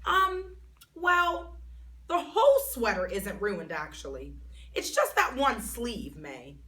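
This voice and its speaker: A woman reading aloud and voicing a bossy, hot-tempered little girl who bursts out loudly. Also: sing-song, takes it slowly, exaggerated voice. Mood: sheepish. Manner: loud, high, indignant outbursts. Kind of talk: storybook read-aloud. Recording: voice a bit far from mic, faint background noise.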